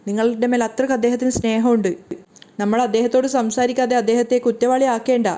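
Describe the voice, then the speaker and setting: A woman's voice: on the high side, level tone, quick pace, dark tone, close to an everyday voice. A woman voicing an anxious young niece who coaxes her aunt. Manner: coaxing, urgent.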